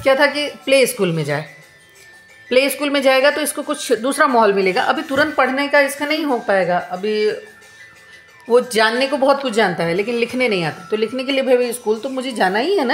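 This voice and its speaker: A woman's voice: sits high, expressive, moderate pace, a bit bright, echoey room, faint music behind. Aggrieved woman venting at home. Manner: aggrieved, repetitive complaining. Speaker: vlogger. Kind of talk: casual venting to camera.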